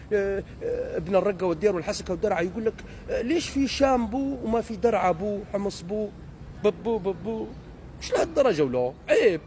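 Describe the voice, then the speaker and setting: A man's voice: high voice, a little mellow, slight background noise, poor audio. A man with a Deir ez-Zor Syrian accent, ranting outdoors on a city street in a mocking, sarcastic way. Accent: Deir ez-Zor Syrian Arabic. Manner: mocking, sarcastic, mimics other dialects.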